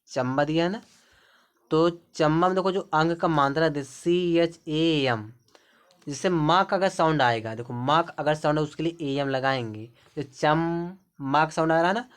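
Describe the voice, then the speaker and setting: A man's voice: fairly high pitch, a bit bright, clean tone. A man teaching a spelling lesson, patiently spelling out words letter by letter. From India. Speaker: English teacher.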